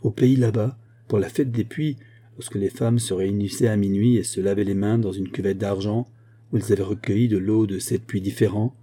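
A man reading a literary story aloud as narrator, in a measured, even manner. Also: lowish voice. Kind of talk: audiobook narration.

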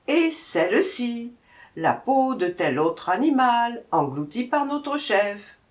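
A high, chanting forest spirit, as a woman puts it on. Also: sing-song, slow. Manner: chanting, singsong. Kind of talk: storybook reading.

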